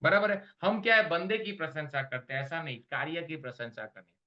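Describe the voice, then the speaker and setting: A man's voice: a little high, a little fast, bright, forceful tone, muffled recording. A man giving a motivational business training talk, emphatic and mixing English slogans into his explanations.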